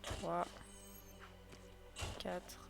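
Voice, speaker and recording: A woman streaming a cozy game talks very slowly over soft background music, giving casual, chatty commentary to her viewers. She counts items out loud and bursts into cries of frustration when things go wrong.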